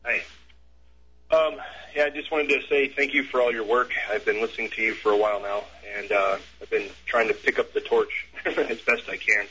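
A man's voice: on the low side, steady tone, moderate pace, sharp tone, husky. A man from Washington State calling in to a radio show over the phone, hesitant and full of ums. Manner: hesitant, lots of ums and uhs. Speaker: caller. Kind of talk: call-in radio chat. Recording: muffled phone line.

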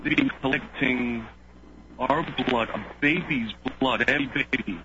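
A male caller on a clipped phone line, talking haltingly with many fillers and restarts. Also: medium pitch. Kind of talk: call-in radio talk. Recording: muffled phone line with faint noise.

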